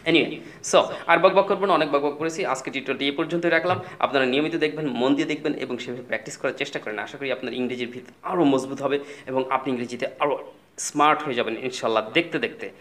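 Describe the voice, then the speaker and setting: A man's voice: mid-range voice, quick pace, fairly bright tone. A man teaching spoken English, patiently explaining and repeating words and spellings.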